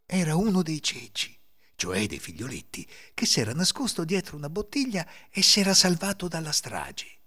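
A man hosting a podcast and narrating folk fairy tales in an expressive, lilting storytelling manner. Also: a little high, normal speed, breathy edge. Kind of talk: scripted fairy-tale narration.

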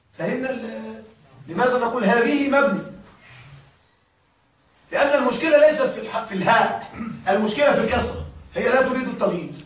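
Male teacher, high-pitched voice, far from the mic in a very echoey classroom, keeps checking that students follow. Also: a bit bright, slight background noise. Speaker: grammar teacher. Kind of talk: classroom lesson.

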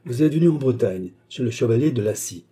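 A man's voice: medium pitch, animated, a little fast, mellow, breathy edge, voice pushed up. A man voicing a cool, scheming young baronet who stays unruffled and feigns surprise. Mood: cool, mocking.

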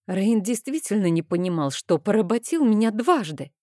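A woman's voice: mid-range voice, very animated, normal speed, a little mellow, no echo, studio quality. A woman narrating a novel in the first person, reading expressively and with feeling. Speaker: audiobook narrator.

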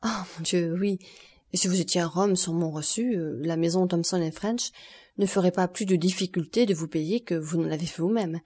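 Femme jouant un comte sûr de lui, calme, ironique, voix sombre et douce. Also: female voice, fairly low pitch, breathy edge. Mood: froid. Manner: calm, measured and dryly impertinent. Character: cool, ironic, self-assured male count.

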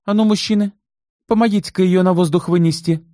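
A man's voice: sits high, steady tone, a little fast, warm tone, dry recording, studio quality, pitched above the performer's own voice, close to an everyday voice. A man voicing a practical, commanding former nurse in an audiobook reading. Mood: brisk. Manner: businesslike, commanding.

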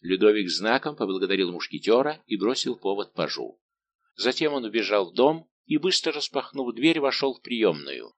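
Male audiobook narrator, measured reading. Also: lowish voice, big pitch swings, dull audio, slight background noise. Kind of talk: scripted narration.

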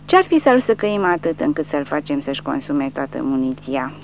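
A woman's voice: low-pitched, very animated. A woman voicing a sly male soldier who turns indignant, in a dull lo-fi recording with a faint hum. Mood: scheming.

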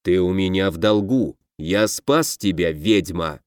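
A man voicing a proud, grumpy half-orc who calls himself a future king, speaking slowly and pompously in a low growl. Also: darkish tone, smooth, no echo, studio quality. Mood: scornful. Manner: growling, pompous, slow deliberate.

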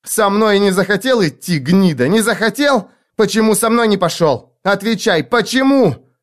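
A woman's voice: low voice, big pitch swings, brisk, voice pushed up. A man voicing a fierce young street girl who screams insults in a furious, spitting way. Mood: accusing shouts.

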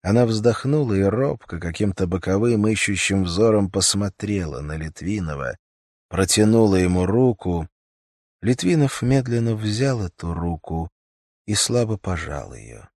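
Низкий мужской голос, размеренное чтение книги, сухой звук без эха. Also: male voice, deep voice, lively intonation, a little slow, a little mellow, no echo, studio quality. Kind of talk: audiobook narration.

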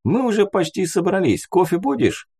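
An eager young boy who calls out loudly, played by a man lifting his voice far above his own. The voice is high, bright in its reach and lively in pitch. It plays as an audiobook character. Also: moderate pace, husky, full character voice. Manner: calling out loudly.

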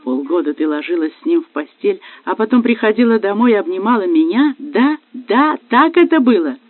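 A man's voice: sits high, a little slow, dry recording, voice pushed up. A man voicing a jealous husband who accuses his wife bitterly. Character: jealous angry husband, a police officer. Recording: dry, phone-like lo-fi.

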